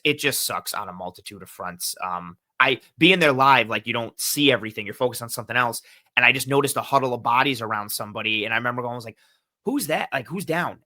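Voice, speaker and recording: Man, bright forceful voice, sports analyst, casual podcast talk, animated storyteller, dry close mic. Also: medium pitch, no echo. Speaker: team analyst guest.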